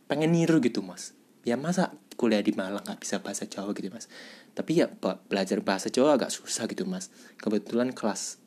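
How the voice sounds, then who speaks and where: A polite, hesitant young student guest with a put-on East Javanese twang, played by a man. He talks in a low register and fills his talk with respectful asides. It is a comedic podcast skit. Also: darkish tone, lightly acted. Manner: polite, hesitant, says "Mas" often.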